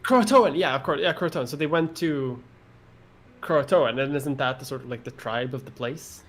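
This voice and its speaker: A man from Sweden, a YouTuber guesting on a casual chat, relaxed, with quick laughing asides. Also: medium pitch.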